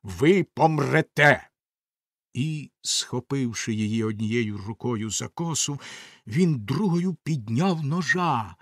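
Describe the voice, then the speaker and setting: A man's voice: medium pitch, lively intonation, takes it slowly, no room sound, studio quality. A man reading a fairy tale aloud with dramatic expression. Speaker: storyteller.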